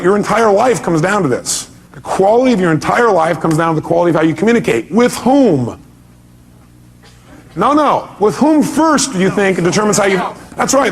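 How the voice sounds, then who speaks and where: A man with a voice that sits high speaks emphatically as a motivational seminar speaker. He puts rhetorical questions to his audience and often answers them himself.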